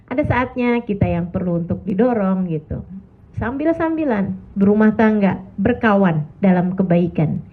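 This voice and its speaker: A middle-aged woman preaching to women in a chatty, lively storytelling way, acting out the people she quotes. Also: medium pitch. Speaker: Islamic preacher. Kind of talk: religious talk to women. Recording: tinny phone-like recording.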